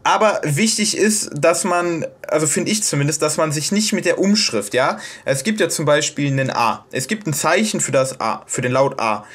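A man's voice: fairly high pitch, expressive, normal speed, hardly any pauses, fairly bright tone. A man from Germany explaining pronunciation in a casual, hesitant tutorial, with many fillers and restarts. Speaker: video host explaining Japanese pronunciation. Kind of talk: casual self-made tutorial.

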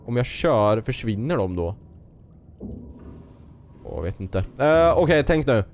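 A man's voice: medium pitch, slight background noise. A man hosting a let's play, full of jumpy nervous exclamations, joking and muttering to himself and talking back at the game's creatures. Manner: excitable and jumpy, sudden nervous outbursts and exclamations; talks to the game creatures, jokes and mutters to himself. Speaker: gaming video host.

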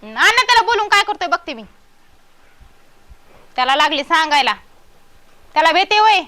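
A woman's voice: extremely high pitch, big pitch swings, normal speed, pushed and bright, full character voice. A woman playing a bossy, scolding old mother-in-law who nags and barks repeated orders. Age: older. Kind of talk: village family drama acting.

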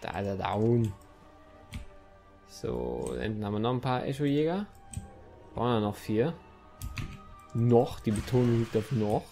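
A man's voice: on the low side, animated, normal speed, gravelly, dark tone, faint music behind. A young man commenting on his own gameplay in a chatty let's-play style, talking to the game and his viewers and swearing now and then. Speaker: gaming YouTuber.

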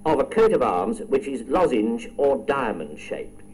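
Playful quizmaster with lively pitch. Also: male voice, measured pace, slight background noise, low-quality recording. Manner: playful, teasing, chatty asides. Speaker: quiz show host. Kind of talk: radio quiz hosting.

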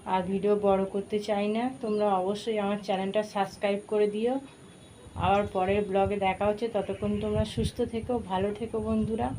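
Hoarse woman chatting softly at home. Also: mid-range voice, slight background noise. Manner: chatty, homely, addresses viewers as friends. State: hoarse from a cold, speaking softly. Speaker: home vlogger. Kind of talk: casual home vlog chat. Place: at home indoors.

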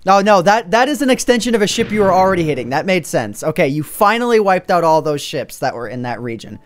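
Young male gamer, slightly high voice, excitable self-mocking banter with many restarts. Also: quick pace, background noise. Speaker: gaming YouTuber playing a minigame. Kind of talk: casual gaming banter.

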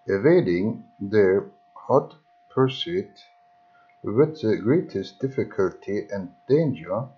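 Slow, halting man reading history aloud. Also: on the low side, animated, lo-fi sound. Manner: halting, restarts words often. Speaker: reader.

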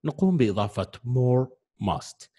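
A man's voice: medium pitch, big pitch swings, warm tone, slightly rough. A man teaching English grammar step by step, often stopping to ask whether his students follow. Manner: explains step by step, often checks understanding with quick questions. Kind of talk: classroom grammar lesson.

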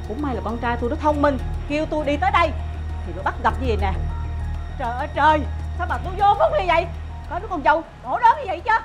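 Actress as middle-aged mother-in-law, high and lively, scolding; web drama with music bed. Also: very fast. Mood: furious. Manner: scolding, shrill outbursts. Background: background music.

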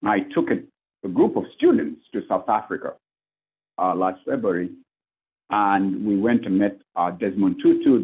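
Here a Ugandan priest with a lowish, slightly rough voice takes part in a conference panel by video call, earnestly working through points one by one with filler words. The plain indoor setting and webcam mic leave his audio narrow and tinny.

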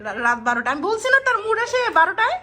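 A woman's voice: extremely high pitch, big pitch swings, rapid-fire, background noise. A young mother from Bangladesh with a Bangladeshi Bengali accent, talking to her small children at home in a coaxing, sing-song way for a family vlog. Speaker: mother and vlogger. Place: home bedroom, indoors.

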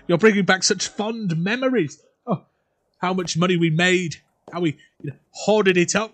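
An actor playing an avaricious old miser in an audio drama, stammering and repeating himself in a husky voice. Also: male voice, high voice, fairly bright tone, exaggerated voice. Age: older. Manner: stammering, repetitive, pleading. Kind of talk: theatrical audio drama acting.

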